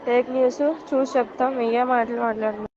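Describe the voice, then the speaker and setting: A young woman, a hostel student on a phone call, frightened and close to tears, pleading and rushing through anxious reports. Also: on the high side, fairly even intonation. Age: young adult. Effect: heard over a phone call. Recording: muffled phone line with faint background noise.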